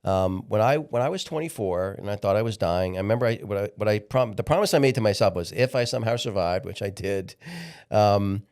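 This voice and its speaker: The lowish, darkish voice belongs to a man of sixty appearing as a podcast guest. Speaking candidly in a relaxed interview, he frequently stops and restarts, repeating words as he goes.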